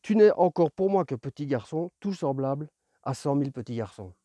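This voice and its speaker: A man's voice: fairly high pitch, expressive, mellow, no room sound, clean studio sound. A man voicing a lonely, patient fox who talks earnestly and pleads for friendship. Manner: earnest, pleading, explains slowly.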